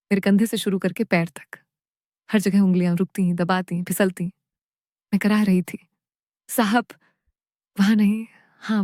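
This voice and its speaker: A woman narrating a first-person story, in short phrases with dramatic pauses. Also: medium pitch, warm tone, no room sound, clean studio sound.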